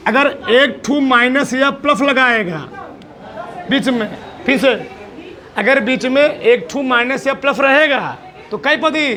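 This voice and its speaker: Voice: high voice, fairly bright tone. A teacher giving a classroom maths lesson, asking the students question after question in a coaxing, teasing way.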